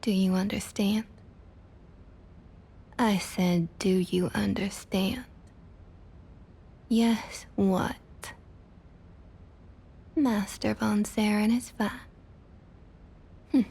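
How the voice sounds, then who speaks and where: Drawing her words out with long pauses and an exaggerated voice, a woman performs scripted ASMR roleplay as a condescending vampire councilwoman. The character is centuries old, domineering and coolly possessive, with a Southern US drawl. Medium-pitched, fairly even, husky, breathy and often half-whispered, she sounds stern and quietly menacing.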